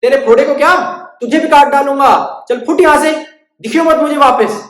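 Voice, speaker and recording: A woman voicing a rude, arrogant royal barber who shouts scornfully, with a roomy echo. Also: high-pitched, fairly quick, pitched above the performer's own voice, natural voice.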